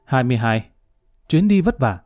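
A man narrating a crime story in a steady, measured storytelling voice. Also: medium pitch, no room sound, clean studio sound, faint music behind.

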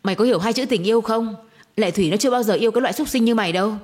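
Woman doing a furious, shouting young woman. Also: fairly high pitch, voice pushed up, lightly acted. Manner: shouting, outraged, quick-fire.

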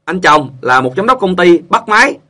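A man's voice: high voice, big pitch swings, normal speed, sharp tone. A man narrating short funny stories in a plain storyteller's way.

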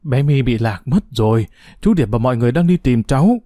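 A man's voice: medium pitch, expressive, a little fast, mellow, no echo, studio quality, lightly acted. A man voicing a tearful old village woman. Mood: distressed.

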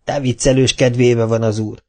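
A man's voice: medium pitch, fairly even intonation, a little mellow, lightly acted. A man reading an audiobook voices a skinny, polite old park keeper who gets flustered easily. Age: older.

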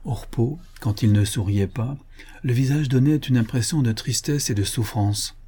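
A man reading a detective story aloud as an audiobook narrator, in a steady read that lifts in pitch for the quoted lines. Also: moderate pace, slightly rough.

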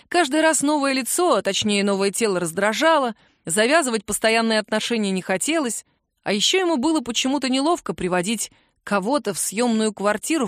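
A woman reading a novel aloud in measured, lightly ironic narration into a close microphone. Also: mid-range voice, dry recording. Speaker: audiobook narrator. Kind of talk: scripted narration.

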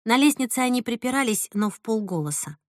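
Animated woman audiobook narrator. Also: fairly high pitch, brisk, dry recording, clean studio sound. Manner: animated, expressive storytelling.

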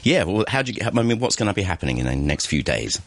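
A man's voice: low voice, sing-song, quick pace, a bit bright. A man hosting a radio show in a casual, bantering way, often echoing what his guest says. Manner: bantering, echoes the guest's words. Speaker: radio host. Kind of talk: casual chat.

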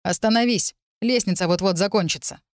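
A woman's voice: mid-range voice, brisk, no echo, clean studio sound, lightly acted. A woman voicing a playful, teasing young man in an audiobook.

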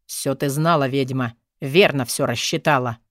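A gruff, hoarse man speaks in a low, menacing half-whisper, as a woman narrator puts him on. The voice sits deep and grumbles each word with dry closeness. It suits a brooding rescuer in an audiobook. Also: moderate pace, no room sound, close to an everyday voice. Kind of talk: audiobook character voice.

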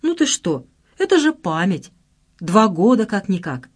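A woman voicing a cheerful young man just back from army service, speaking with lively pitch swings in an audiobook reading. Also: measured pace, slightly rough. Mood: eager, coaxing.

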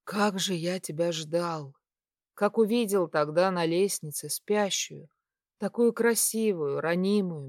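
A woman voicing a tender, possessive male werewolf lover in an audiobook, low and hushed. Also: no room sound, studio quality. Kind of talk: audiobook character reading.

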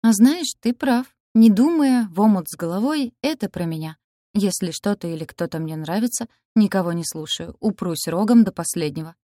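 A woman voicing a bold, impulsive young woman who turns into a cat, speaking in a lively, teasing way. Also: medium pitch, normal speed, no echo, clean studio sound, lightly acted.

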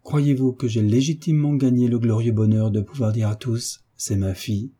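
A man's voice: mid-range voice, steady tone, normal speed, slightly rough, natural voice. A man reading as a tender hunchbacked old marquis. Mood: coaxing, tender. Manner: gentle, coaxing. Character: kind hunchbacked older nobleman, tender and fatherly.

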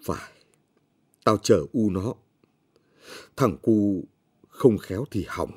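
Brief: a man voicing a poor peasant husband, weary and subdued, low slow husky voice, storybook reading. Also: expressive, darkish tone, full character voice.

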